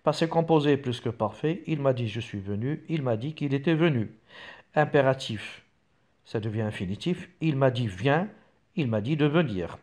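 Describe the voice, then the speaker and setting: A man's voice: medium pitch, expressive, normal speed, a little mellow. A man teaching a lesson, reading out examples and dictating them in short, segmented phrases. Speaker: French grammar teacher.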